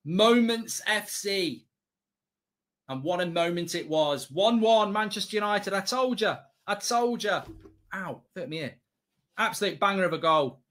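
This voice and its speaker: Casting: middle-aged male football fan host, bright tense delivery, blunt and exasperated live reactions. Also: sits high, animated, measured pace. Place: indoor streaming studio.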